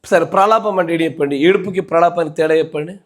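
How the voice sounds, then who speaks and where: Telangana-accented male pastor, high-pitched, preaching and quizzing his congregation in church. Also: fast. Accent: Telangana Telugu. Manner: quizzes the congregation, keeps asking yes or no. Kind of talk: sermon.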